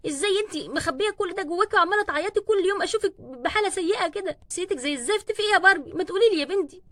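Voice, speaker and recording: A woman with an Egyptian Arabic accent voicing a worried mother who coaxes her daughter and gently scolds her. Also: very high voice, lively intonation, racing. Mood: worried, firm. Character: worried, coaxing mother of a schoolgirl.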